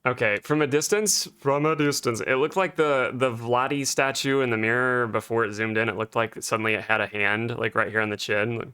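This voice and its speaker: A man chats casually as he streams a video game. His voice sits at an average male pitch, and he riffs playfully as he goes. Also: steady tone, a little fast, hardly any pauses, bright, forceful tone, clear, resonant tone. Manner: playful, jokey riffing. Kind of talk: casual live gameplay chat.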